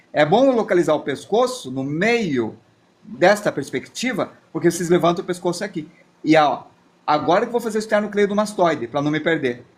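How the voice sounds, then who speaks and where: A man leads a live drawing class. His voice sits fairly high for a man. He talks in a loose, chatty way and thinks aloud as he draws. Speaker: drawing teacher. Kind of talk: live drawing lesson with chat asides.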